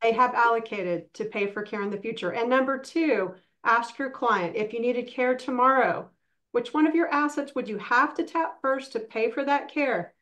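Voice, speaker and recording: A woman with a fairly high voice speaks as a specialist on an online panel. Her delivery is brisk and emphatic, and she leans on key points. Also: a bit bright. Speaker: long-term care specialist. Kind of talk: webinar panel talk.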